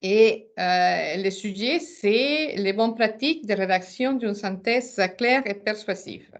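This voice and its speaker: A woman with a medium-pitched voice speaks slowly, and the audio has its highs cut off. She isn't a native French speaker and has a foreign accent as she presents a webinar informally, hunting for words and often repeating them.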